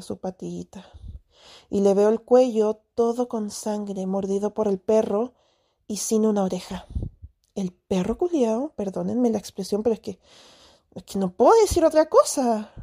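A woman with a Chilean accent casually telling a story to her followers, slangy and lively, acting out sounds and quoting herself. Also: on the high side.

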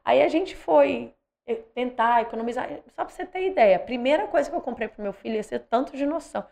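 A woman's voice: a little high, fast, creaky. A middle-aged Brazilian woman, a guest athlete, telling stories animatedly in a casual interview. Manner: animated, acts out quoted voices.

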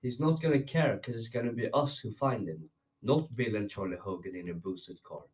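A sensible boy acted by a man in an amateur drama read-through. He is practical and reassuring, with a fairly low voice. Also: moderate pace, a little mellow, natural voice, rough recording. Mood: reassuring, planning.

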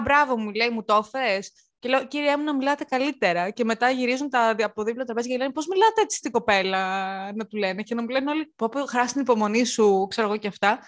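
Lively young Greek-speaking woman storyteller. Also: fairly high pitch. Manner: animated, acts out quotes of rude customers. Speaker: podcast co-host. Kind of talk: casual chat, storytelling.

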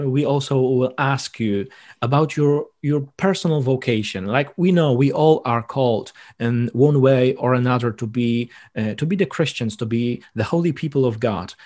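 A man interviewing a priest guest, speaking in a slow, earnest way with frequent fillers. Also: medium pitch, darkish tone. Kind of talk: conversational interview. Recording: faint music in background.

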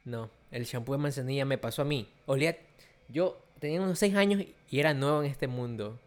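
A young man chatting casually, animatedly acting out quoted voices as he tells stories. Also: brisk. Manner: animated storyteller, acts out quotes in high voices. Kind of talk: casual chat.

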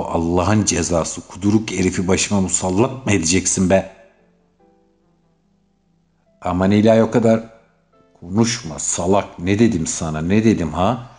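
A man voicing a sharp-tongued young woman who scolds and curses at her partner in a comic sketch. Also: close to an everyday voice. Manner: scolding, cursing, shrill.

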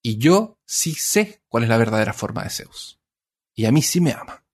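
A man voicing a jealous queen goddess who speaks calmly, cuttingly and haughtily. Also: medium pitch, moderate pace, husky. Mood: cold.

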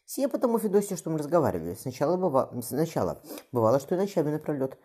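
A woman's voice: low voice, sing-song, fast talker, dark tone, husky, pitched above the performer's own voice, exaggerated voice. A woman reading as a wry noble mother. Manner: wry, dryly teasing. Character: sharp-tongued, caring noble mother in her thirties.

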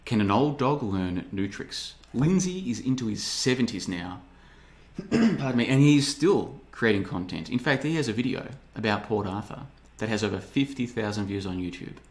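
A man in his thirties hosts a livestream podcast in a casual monologue, his lowish voice animated and moving at a normal speed. He rambles and turns sarcastic, often mocking others with put-on voices.

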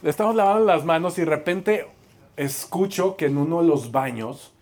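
A man with a Mexican accent preaching through a lively, self-mocking story, acting out the voices of the people in it. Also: on the high side, moderate pace. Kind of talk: storytelling sermon.

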